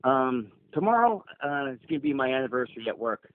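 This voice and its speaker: A man's voice: mid-range voice, sing-song, brisk, no echo. A man in his fifties, an HVAC technician, chatting easily as a podcast guest and telling stories. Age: 50s. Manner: easygoing, rambling storyteller. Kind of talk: casual podcast chat. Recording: tinny phone-like line.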